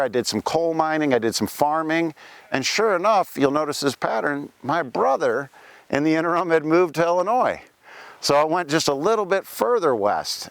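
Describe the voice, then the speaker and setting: A man in costume on a cemetery tour plays the ghost of a pioneer gold miner born in Wales, narrating his own life story outdoors as a first-person historical reenactment. He speaks in a folksy way with frequent asides; his voice is mid-range and the recording has no room sound.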